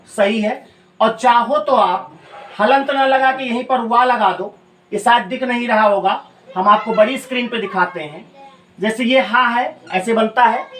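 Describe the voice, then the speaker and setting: A man teaching Hindi grammar in a classroom lecture. He asks the class questions, answers them himself, and repeats key phrases slowly so students can take notes. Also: very high voice, a bit bright. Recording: echoey room, voice from a distant mic.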